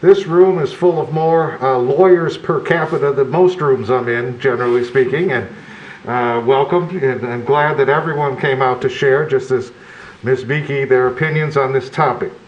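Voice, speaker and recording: A man talks through a face mask in a measured, halting way, as a commissioner at a public meeting. The sound is dull and the room echoes around him. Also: medium pitch. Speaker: planning commission member.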